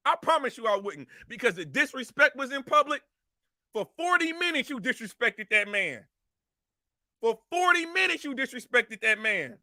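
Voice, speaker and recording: Fired-up man ranting, high bright voice. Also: sing-song, moderate pace, no echo, clean studio sound. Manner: angry, repetitive, confrontational. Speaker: commentary show host. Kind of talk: heated rant to camera.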